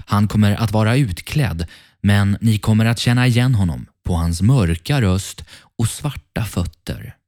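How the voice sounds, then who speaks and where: A man voicing a caring mother goat who gently warns her young ones. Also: lowish voice, natural voice. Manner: gentle, warning.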